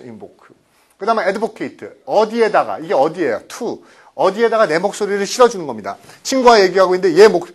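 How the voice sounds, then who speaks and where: A middle-aged man from Korea teaching English vocabulary in a classroom lecture, acting out phone calls to make his points. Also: high voice. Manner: lively, acts out phone calls and quoted voices.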